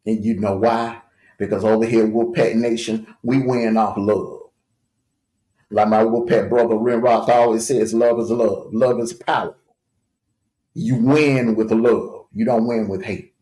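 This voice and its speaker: A man's voice: lowish voice, steady tone, a little slow, warm tone. A man hosting a livestream, giving a taunting, jeering commentary rant with scornful laughs. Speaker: livestream host. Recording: echoey room.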